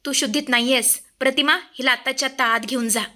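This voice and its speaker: Commanding worried father, read by a woman, high bright voice. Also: fairly even intonation, quick pace. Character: worried father, head of household.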